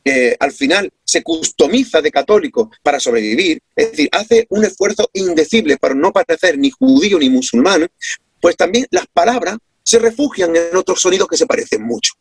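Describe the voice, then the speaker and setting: A man from Córdoba with an Andalusian accent explains his ideas as an interview guest from home over a video call. His fairly high, husky voice swings widely in pitch as he presses his points with rhetorical questions. The sound is close and dry. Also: animated, normal speed, no echo. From Córdoba, Andalusia, Spain. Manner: emphatic, rhetorical questions, lecturing.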